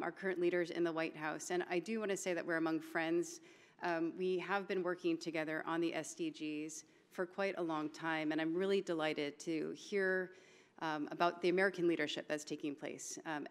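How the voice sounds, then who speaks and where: A woman's voice: low-pitched, clear, resonant tone. A woman from Hawaii, moderating a conference panel in an informal way and mixing in words. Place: conference hall stage. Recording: long reverb of a large hall.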